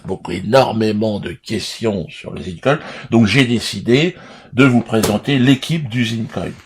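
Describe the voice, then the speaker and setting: Deep-ish voiced guy doing deadpan comedy rambling to camera, halting, bit of noise behind. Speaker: comedian presenting his own video. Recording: steady background noise, clicks.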